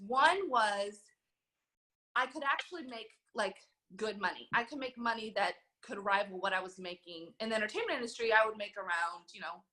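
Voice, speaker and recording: A woman in her thirties, a podcast guest telling her story in a casual, animated way and acting out the voices of people she quotes. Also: a little high. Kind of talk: conversational storytelling.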